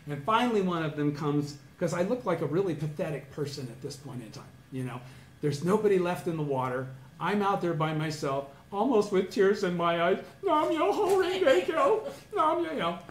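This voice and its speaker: A middle-aged man from Southern California tells a personal story to a small study group. He acts out his own past words, sometimes shouting or chanting. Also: fairly high pitch, brisk. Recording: echoey room with faint background noise.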